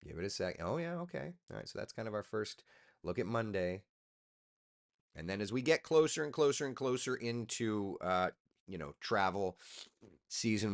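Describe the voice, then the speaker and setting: Tired, chatty low-voiced man. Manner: loose, chatty, talks to himself while working. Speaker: TV meteorologist hosting a live chat. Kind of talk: casual live-stream chat.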